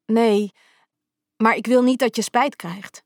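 A woman reading aloud, voicing a gentle, hesitant man who speaks softly to his longtime friend. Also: extremely high pitch, slow, gravelly, dry recording, studio quality, full character voice. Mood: worried tender. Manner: soft, hesitant.

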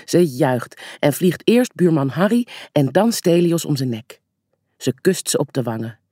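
A narrator reading a children's story aloud, with expressive storytelling. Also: mid-range voice, a little slow, no room sound, studio quality.

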